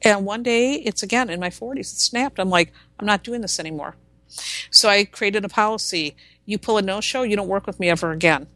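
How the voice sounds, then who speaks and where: A woman's voice: mid-range voice, a little fast, no room sound. A woman in her forties, a tarot reader and podcast guest, speaking bluntly and emphatically in casual interview chat. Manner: blunt, emphatic, animated storytelling.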